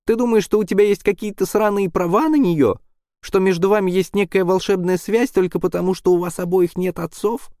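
Audiobook figure: male reader as an enraged teen boy, high, loud, sneering. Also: fairly even intonation, measured pace, few pauses, no room sound, studio quality. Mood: furious. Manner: yelling, scornful. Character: furious teenage boy in a fight.

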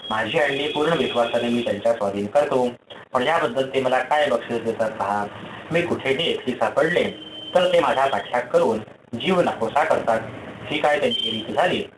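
A man's voice: mid-range voice, expressive, moderate pace, reverberant, noisy background, lightly acted. A man voicing a female cuckoo in a fable, complaining in an aggrieved, pleading way.

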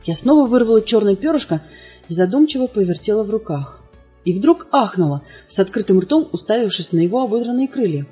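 A woman's voice: medium pitch, animated, fairly quick, warm tone, slightly rough. A woman reading a first-person audiobook in an emotional, dramatic way. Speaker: audiobook narrator. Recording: dull lo-fi sound with faint music.

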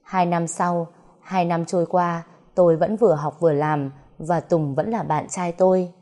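Woman storyteller, calm and even, low pitch, warm mellow tone. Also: a little slow. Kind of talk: audio story narration.

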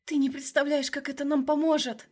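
A woman's voice: on the high side, steady tone, a little fast, darkish tone, husky. A woman voicing a shy but strict young woman, an older sister, in an audiobook, earnest and a little raised. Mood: eager. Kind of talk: audiobook character voice.

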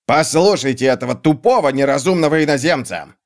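A man voicing a pompous, stubborn male guard officer who huffs and insists on formalities, pitched above his own voice. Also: expressive, a little fast. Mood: indignant.

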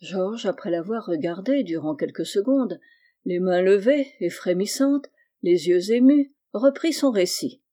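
An audiobook reader narrating a novel in a measured, expressive way. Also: medium pitch.

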